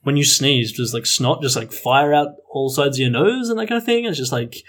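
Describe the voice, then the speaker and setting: A young Australian man from Canberra talking casually as a podcast guest. His voice sits at an ordinary middle pitch, and his speech rambles, packed with fillers and restarts. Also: a little fast, fairly bright tone. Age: young adult.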